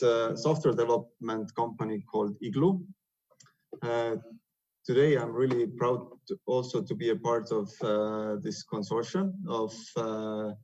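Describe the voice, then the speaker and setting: A man with an Estonian accent gives a webinar talk in English, his second language, over a video call. His voice sits low and comes through dull and lo-fi. He pauses often on fillers as he explains. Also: darkish tone. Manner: hesitant, many "uh" fillers and restarts. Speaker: software developer presenting on a webinar. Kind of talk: webinar presentation.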